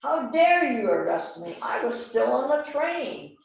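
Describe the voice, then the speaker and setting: A woman's voice: sits high, very animated, measured pace, vocal fry, heavily acted. A woman playing an indignant murder suspect, protesting in an amateur mystery play reading. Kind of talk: amateur readers theater rehearsal. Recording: distant mic in very echoey room.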